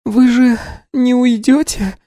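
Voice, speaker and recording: A young woman in the pain of labor, as a woman reader acts her out, her voice pushed high and strained. She pleads and cries out in short bursts. The recording is dry and close, with a mellow tone. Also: measured pace, no room sound. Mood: weak, teasing. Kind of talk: audiobook reading.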